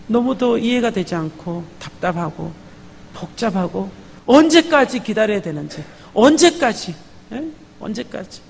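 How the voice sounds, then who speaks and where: A man preaching a sermon as pastor, emphatic, often asking the congregation for a response. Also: high voice. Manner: emphatic, calls out to the congregation with repeated "예?". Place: church sanctuary. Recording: long hall reverb, faint background noise.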